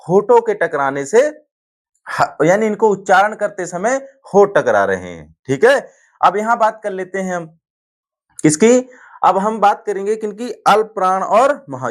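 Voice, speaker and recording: A male teacher giving a grammar lesson, often asking a question and then answering it himself. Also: high-pitched. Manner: repetitive, asks and answers his own questions.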